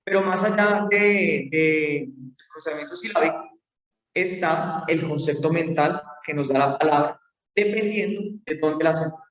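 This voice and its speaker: A man's voice: fairly high pitch, normal speed, a bit bright. A man giving a phonetics lecture, explaining step by step with fillers and check-in questions. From Colombia. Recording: roomy hall, mic far off.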